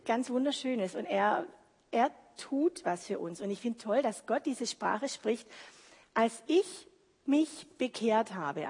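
A woman's voice: a little high, breathy edge. A woman giving an earnest, heartfelt devotional sermon, repeating phrases for emphasis. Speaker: lay preacher. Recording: long hall reverb.

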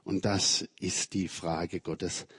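A man preaching a sermon, moving between loud emphatic passages and very soft, quiet phrases. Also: low voice, level tone, slow pace, husky, no echo, clean studio sound. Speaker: preacher, member of a religious community.

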